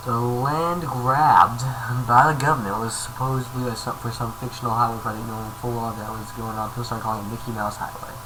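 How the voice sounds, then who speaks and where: This creepypasta reader, a video host, keeps his medium-pitched voice fairly even and brisk, with few pauses. He reads the horror story casually, tripping over words and adding jokes, all in a noisy amateur home recording.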